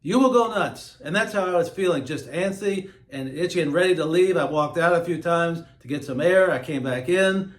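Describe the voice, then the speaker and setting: A man hosting his own show, talking in a slow, emphatic, preachy monologue. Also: a little high, roomy sound. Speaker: host. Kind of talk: monologue to camera.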